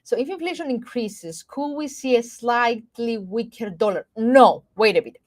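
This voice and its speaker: A market analyst from Cyprus, a woman with a Greek Cypriot accent and a fairly high pitch, explains markets during a live webinar. Her delivery halts often, full of fillers and restarts, and she keeps checking in with "okay?".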